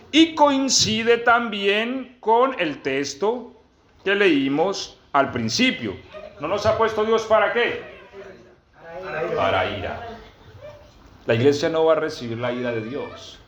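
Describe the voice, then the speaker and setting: A man's voice: expressive, fairly bright tone. Man, pastor preaching, question-and-answer teaching style, echoey room, faint background noise. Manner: peppers teaching with questions to the congregation; reads scripture aloud slowly and emphatically. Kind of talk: sermon teaching. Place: church gathering with a congregation. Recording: roomy, dull low-fi sound.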